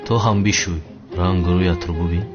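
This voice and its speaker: A man's voice: deep voice, steady tone, close to an everyday voice. A man voicing a pleading lovestruck brother. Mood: teasing. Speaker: older brother in a dubbed TV drama. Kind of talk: dubbed TV drama dialogue. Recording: dull dubbed TV audio with loud music.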